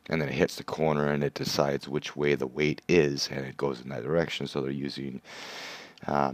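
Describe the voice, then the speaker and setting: A man's voice: extremely low pitch, no room sound. A man hosting a livestream, chatting casually and explaining game mechanics step by step. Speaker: livestream host. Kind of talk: casual gameplay commentary.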